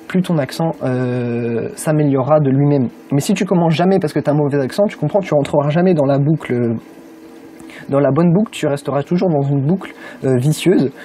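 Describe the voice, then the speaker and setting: Speaking straight to the viewer, a young man from France offers informal encouragement about learning English, hesitating often and filling gaps with plenty of "euh." His warm voice is a little high. There's slight background noise.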